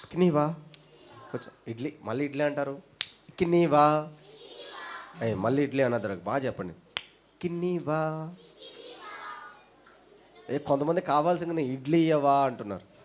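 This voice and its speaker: A man's voice: medium pitch, expressive, fairly quick, pauses often, a little hiss or hum. A man teaching at a children's Bible school, chatting casually and quizzing the kids with playful questions.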